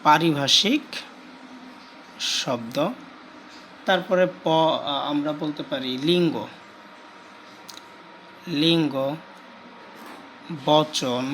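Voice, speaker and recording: A male teacher giving a grammar lesson, repeating key terms slowly and asking questions he answers himself. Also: fairly high pitch, a bit bright, a little hiss or hum, rough recording.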